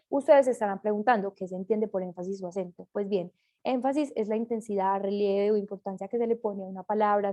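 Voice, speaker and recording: A woman's voice: mid-range voice, warm tone. A woman reading a class presentation aloud, with small slips and self-corrections as she goes.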